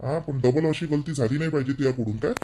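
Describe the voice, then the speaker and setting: A man playing a stern but soft-hearted young husband who lectures his wife, in a Vidarbha Marathi dialect. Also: mid-range voice, quick pace, natural voice. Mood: firm. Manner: lecturing, firm.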